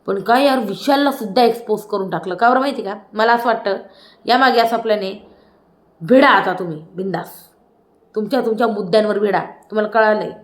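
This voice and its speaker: A woman reviewing a reality show episode in a casual, chatty way. She keeps stopping to correct herself and add asides as she retells what happened. Her voice sits at an ordinary middle pitch and sounds roomy, recorded in an echoey space. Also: fairly quick.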